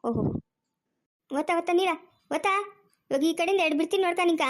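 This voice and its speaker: A woman's voice: very high voice, fast talker. A woman voicing a harsh, scheming middle-aged village aunt in a cartoon, barking orders. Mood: scolding. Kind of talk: cartoon dubbing.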